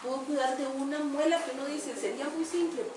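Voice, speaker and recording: A woman's voice: high voice, steady tone, brisk, crowd noise. A woman leading a group conversation, responding with affirming comments. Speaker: group leader. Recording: echoey room, distant mic, background noise.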